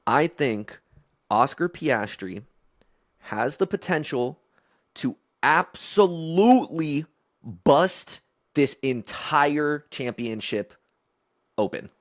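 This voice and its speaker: A man's voice: a little high, expressive, dry recording. Playful male co-host, dry close sound. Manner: playful, speculative, drawn-out emphasis. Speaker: podcast co-host. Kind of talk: casual chat.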